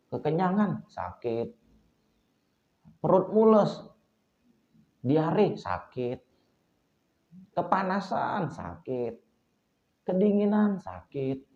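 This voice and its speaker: A man teaching a classical religious text as a lesson, reciting Arabic passages and translating them line by line, often tagging phrases with "ya". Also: medium pitch. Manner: tags phrases with a drawn-out "ya". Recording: tinny phone-like audio.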